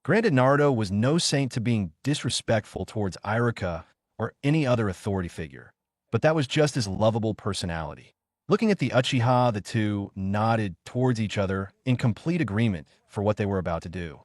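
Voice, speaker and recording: A man reading a fan fiction story aloud in a steady voice, with occasional misread words. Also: fairly low pitch, brisk, no room sound, studio quality. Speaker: reader.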